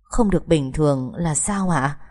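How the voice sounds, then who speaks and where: A woman's voice: low-pitched, normal speed, warm tone. A woman reading as a weary, steadfast village mother. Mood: anxious, soothing. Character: worried middle-aged village mother, tough and caring.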